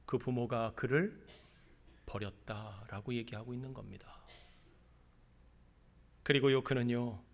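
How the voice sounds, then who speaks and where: A man's voice: medium pitch, fairly even intonation, measured pace, pauses often. A male pastor preaching a sermon, telling the story dramatically and asking the congregation rhetorical questions.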